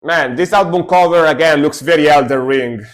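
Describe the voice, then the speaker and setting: A man's voice: a little high, a little fast. A man from Italy, streaming and giving enthusiastic, rambling commentary while reacting to metal music.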